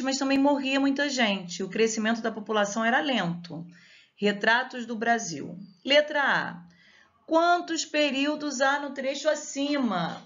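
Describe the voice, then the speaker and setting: A woman's voice: sits high, fairly bright tone, lo-fi sound. A woman teacher with a Brazilian Portuguese accent giving a grammar lesson and explaining step by step. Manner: explains step by step, checks with students.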